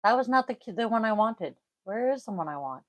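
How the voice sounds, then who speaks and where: A woman with a wheezy voice chats casually to viewers as host, rambling in a halting, self-deprecating way. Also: fairly high pitch, lively intonation, a bit bright, no echo. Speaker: host of a divination vlog. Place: indoors at a desk.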